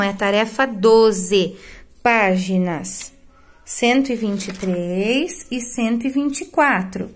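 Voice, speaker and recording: A middle-aged Brazilian woman teaches a recorded remote lesson in a fairly high voice. She draws each example word out slowly and checks in with her students, addressing them with fond, familiar terms. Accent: Brazilian Portuguese. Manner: affectionate, drawn-out example words with frequent "tá?" check-ins. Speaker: school Portuguese teacher.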